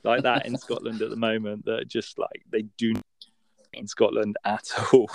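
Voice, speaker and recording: A man's voice: fairly low pitch, flat delivery, moderate pace, creaky, noisy background. A young man with a West Country English accent chatting casually and telling anecdotes in informal British slang. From West Country, England. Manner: informal British slang, dragged-out long A vowels. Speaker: podcast speaker.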